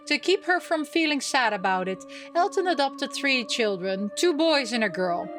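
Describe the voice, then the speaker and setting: A woman with a medium-pitched voice hosts a gaming video, reading game text aloud and chattering to herself with playful, expressive reactions.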